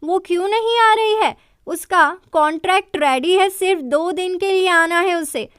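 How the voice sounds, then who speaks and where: A woman's voice: very high-pitched, normal speed, fairly bright tone, no room sound, clean studio sound, voice pushed up. A woman voicing a bossy, demanding young woman who presses with questions.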